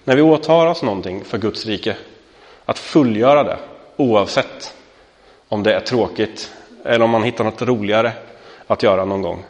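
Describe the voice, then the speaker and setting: A man in his thirties preaching a sermon as pastor, in a relaxed conversational way, with many fillers and questions put to the congregation. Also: lowish voice, long pauses. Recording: long reverb of a hall.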